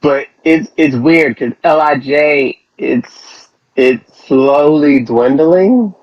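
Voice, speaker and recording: Man, slow-talking, laid-back and profane, casual chat co-host, thin headset phone line, dull lo-fi sound. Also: fairly high pitch, dry recording. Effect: thin, distant-sounding headset phone line. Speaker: podcast co-host.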